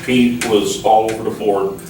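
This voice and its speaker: A man chats casually as an interview guest, halting and often repeating himself. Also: on the low side, little pitch movement. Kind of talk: casual reminiscing interview chat. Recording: roomy, distant mic with clear background noise.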